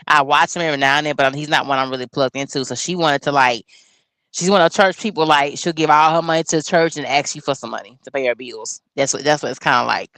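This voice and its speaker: A man's voice: fairly high pitch, fairly even intonation, quick pace, bright, forceful tone, dry recording. A man in his forties talking earnestly on a livestream, often asking listeners if they understand. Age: 40s. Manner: earnest, preachy, keeps asking if you understand. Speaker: livestream host. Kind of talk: casual livestream talk.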